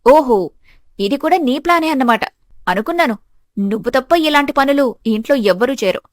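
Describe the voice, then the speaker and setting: A woman's voice: high voice, expressive, a little fast, no echo, clean studio sound. Woman voicing a meek young daughter-in-law. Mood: defiant. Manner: earnest, pleading. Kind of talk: animated storybook voice acting.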